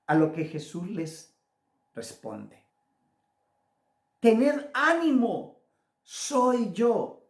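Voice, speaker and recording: A man's voice: high voice, a little mellow. A man with a Guatemalan accent, a pastor giving a devotional sermon and speaking straight to his listener. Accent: Guatemalan Spanish. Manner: deliberate, addresses listener directly. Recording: roomy echoey room.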